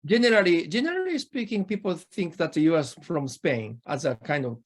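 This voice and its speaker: This is a native Japanese interview host with a Japanese accent. The delivery is conversational and highly animated in intonation, moving freely around a mid-range pitch. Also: normal speed.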